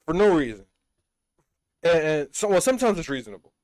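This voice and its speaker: A man's voice: a little high, big pitch swings, a little fast, a little mellow, no room sound. A man co-hosting a podcast in casual chat, blunt and swearing freely. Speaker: podcast co-host.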